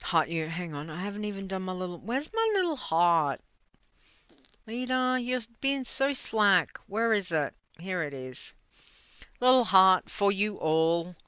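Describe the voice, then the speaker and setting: Chatting loosely with his viewers, this Australian streamer rambles, laughs often and stumbles over his words; English is his first language. His mid-range voice is very animated yet measured in pace, sharp, clear and resonant. The slightly dull lo-fi mic gives a dry sound with no room echo.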